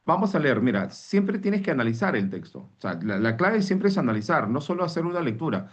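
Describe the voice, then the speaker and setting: A man's voice: on the high side, big pitch swings, a little fast. A male teacher from Peru giving an online reading class, explaining step by step and often asking himself "what?" before he answers. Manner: explains step by step, asks himself rhetorical questions; tags lines with "¿no?" and "mis estimados". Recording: dull lo-fi sound.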